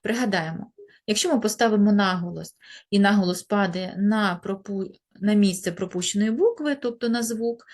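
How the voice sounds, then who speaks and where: Primary teacher, female, husky tone, patient lesson delivery with stretched-out example words. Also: medium pitch. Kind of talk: grammar lesson for children.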